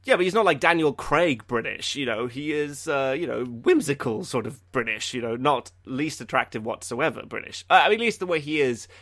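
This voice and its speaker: A man's voice: medium pitch, animated, brisk, hardly any pauses, a bit bright, no echo. A young man hosting a podcast, chatting casually in a rambling way, stammering and filling his sentences with "like" and "you know". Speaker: podcast host.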